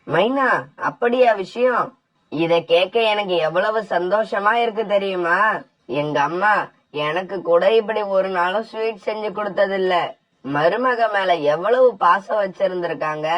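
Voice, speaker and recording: A woman's voice: medium pitch, unhurried, dull audio, natural voice. A woman voicing a kind, trusting young husband bird in a cartoon, with an affectionate, plain-spoken delivery. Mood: cheerful. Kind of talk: cartoon voice acting.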